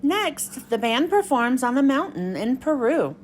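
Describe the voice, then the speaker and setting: A woman host reading a storybook aloud for children in an expressive way. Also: sits high, unhurried, a little hiss or hum. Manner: expressive, clearly addressed to young children.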